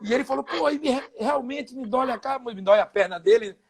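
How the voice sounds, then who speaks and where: A man's voice: extremely high pitch, quick pace, husky. A Brazilian man in his fifties, a former footballer, telling anecdotes in a casual interview with quoted dialogue.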